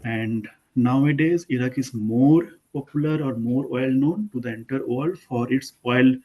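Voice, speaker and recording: Casting note: young Indian-accented man, mid-pitched, talking students through slides, relaxed and halting. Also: lo-fi sound, a little hiss or hum. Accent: Indian English. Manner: informal, with frequent fillers and self-corrections. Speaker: architect giving an online lesson. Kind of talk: presentation to school students.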